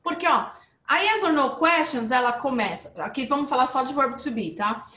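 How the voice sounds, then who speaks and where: Lively woman teacher, high and animated, live online lesson, echoey room. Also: normal speed. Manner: lively, explains with rising and falling emphasis, checks in with viewers. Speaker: English teacher.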